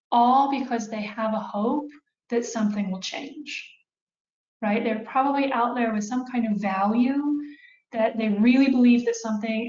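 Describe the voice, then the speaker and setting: Woman therapist, fairly high voice, calm explanatory delivery, roomy dull recording. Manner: calm, explanatory, asks "right?" often. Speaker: therapist teaching about couples. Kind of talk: recorded talk to viewers. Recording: echoey room, dull sound.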